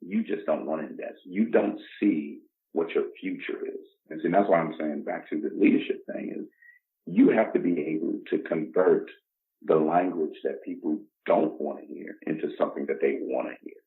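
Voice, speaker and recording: With a very deep voice, vocal fry and a moderate pace, this fifty-something man from the Bronx talks casually and motivationally as a podcast guest. He's emphatic and acts out imagined conversations, though the lo-fi audio is dull and muffled.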